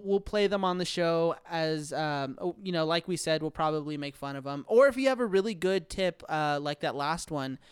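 A man's voice: high-pitched, smooth, no echo, clean studio sound. Joking laid-back male podcast host. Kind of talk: casual podcast chat.

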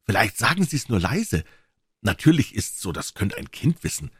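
A man's voice: lowish voice, lively intonation, normal speed, husky, no echo, clean studio sound, heavily acted. A man playing a bossy know-it-all boy. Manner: commanding, dismissive, hushed urgency.

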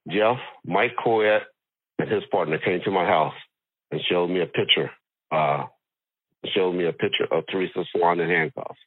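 A man with a very low voice calls in on a thin, tinny phone line. He holds the phone away from his mouth, so he sounds muffled and hard to make out. He talks haltingly and repeats himself, and the line is dry, with no room sound. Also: dry recording. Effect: phone held away from the mouth, hard to make out. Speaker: phone-in guest.

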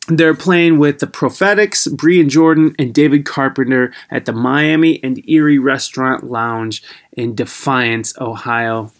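An American man hosting a podcast gives a casual, unscripted intro, rambling and searching for words, recorded through a tinny laptop microphone. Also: a little high. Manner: rambling, searching for words, mildly self-deprecating. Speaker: podcast host. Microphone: computer's built-in microphone.

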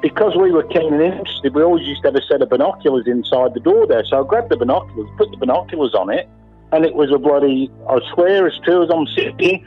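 A man's voice: fairly high pitch, animated, quick pace, husky. Australian man, middle-aged, emphatic casual storyteller, phone-quality audio. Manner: emphatic, swears casually, repeats himself. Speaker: interviewee, landowner. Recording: phone-like line with faint music.

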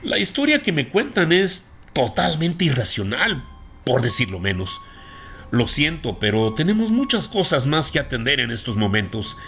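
Narrator doing a dismissive police captain, scolding tone, odd shifted timbre, storybook reading. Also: male voice, medium pitch, wildly swooping pitch, normal speed, a bit bright, soft background music.

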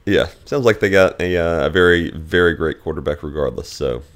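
Man, low voice, sports podcast host, casual talk and news items, low quality stream. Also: a little fast. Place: away from usual studio, on vacation. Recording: low quality stream, improvised holiday setup.

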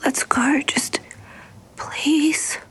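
An actress playing a tired, anxious young mother, whispering softly in a whispered role-play. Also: high voice, fairly even intonation, extremely slow, full character voice, low-quality recording. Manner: whispers softly to keep quiet.

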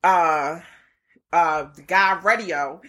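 A woman's voice: on the low side, slow, a bit bright. A woman with a Baltimore accent chatting candidly and telling stories as a comedian guest on a podcast, blunt, slangy and freely swearing. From Baltimore, United States. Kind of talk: casual candid chat, storytelling.

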